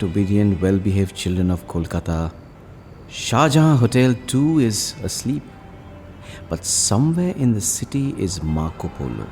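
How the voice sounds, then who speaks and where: An actor playing a reflective night-shift hotel receptionist who narrates a radio drama. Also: male voice, on the low side, mellow.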